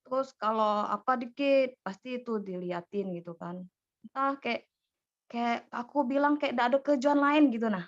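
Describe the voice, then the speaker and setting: A woman, giving a casual personal testimony to her church community, animated and full of fillers. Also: a little high, moderate pace. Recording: dull lo-fi audio.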